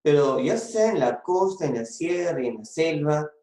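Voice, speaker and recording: This Peruvian man speaks at a normal pace with a slightly high, expressive, warm voice and a coastal Peruvian Spanish accent. He's teaching a secondary school language class, explaining step by step, repeating key phrases and tossing in checks such as "¿no?" and "¿ya?", all recorded in an echoey room.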